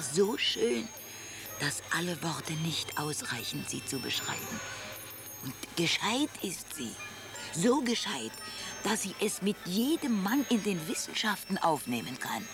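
A slow, gossipy poor widow. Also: female voice, sits low, expressive, heavily acted. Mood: confiding. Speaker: townswoman in radio drama. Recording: music underneath.

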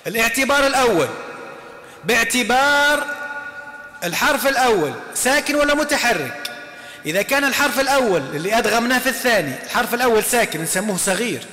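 A man's voice: very high voice, lively intonation, fast talker, sharp tone. A man with an Algerian Arabic accent teaching a class, asking questions and answering them himself, repeating each term. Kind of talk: classroom lesson. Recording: echoey hall reverb.

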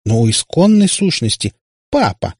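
A cheeky young witch, acted by a male reader, snaps back with blunt, snarky lines. The voice is pushed high and stays husky, close and dry. She sounds sure of herself and mocking in this audiobook. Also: very animated, moderate pace, darkish tone, no room sound. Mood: teasing. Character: cheeky, sharp-tongued young witch girl.

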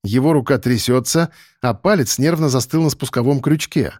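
A man reading an audiobook with an expressive, theatrical delivery. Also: mid-range voice, normal speed, dry recording, studio quality. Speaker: narrator.

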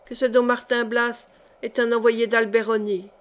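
A woman voicing a cold, calculating male seneschal in an audiobook, measured and insinuating. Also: on the high side, level tone, lightly acted. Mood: sinister. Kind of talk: audiobook character reading.

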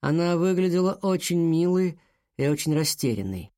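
A man narrating a children's adventure audiobook in a measured storytelling delivery. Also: a little high, lively intonation, a little mellow, dry recording, clean studio sound.

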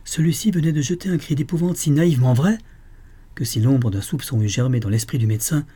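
Husky, mellow male storyteller. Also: medium pitch. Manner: measured, dramatic storytelling. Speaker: audiobook narrator. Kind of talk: scripted literary narration.

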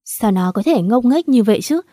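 A woman's voice: on the high side, lively intonation, normal speed, mellow, dry recording, clean studio sound. A woman reading a storybook voices an angry father who talks in short, curt bursts.

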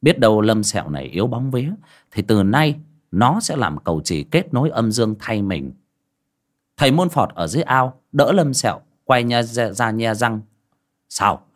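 A man narrating an audio ghost story in a dramatic, lively storytelling manner. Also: mid-range voice, normal speed.

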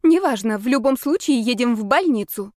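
A woman's voice: mid-range voice, a little mellow, no echo, clean studio sound, lightly acted. Anxious young woman, as a narrator puts her on. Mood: urgent. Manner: urgent, rapid worried questions.

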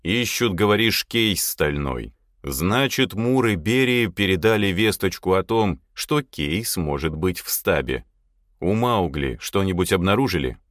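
A man voicing a cool, shrewd male leader who speaks quietly and deliberately. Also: deep voice, lively intonation, dry recording, clean studio sound.

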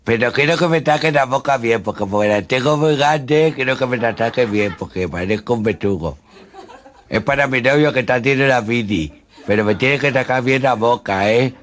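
A man voicing a nasal young woman with a huge mouth who speaks in a high, whiny, drawn-out way, on an old cassette joke tape. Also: natural voice. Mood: pleading.

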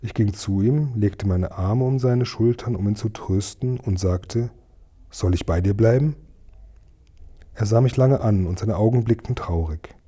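A man reading a children's storybook aloud in a gentle, measured narrating voice. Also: lowish voice, breathy edge. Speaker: audiobook reader.

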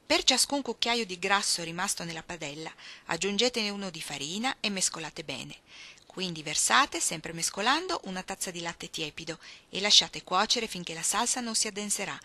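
A woman reading a novel aloud as scripted narration, clear and expressive. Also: lowish voice. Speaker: audiobook reader.

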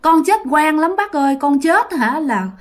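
A woman's voice: high-pitched, animated, unhurried, voice pushed up. A woman voicing the ghost of a murdered schoolboy, who keeps begging an older man for help. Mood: pleading. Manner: pleading, repeating "bác ơi" over and over.

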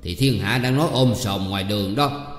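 A man's voice: lowish voice, brisk, close to an everyday voice. A man voicing an alarmed older village wife who scolds and frets. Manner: scolding, fretful. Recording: echoey reverberant room.

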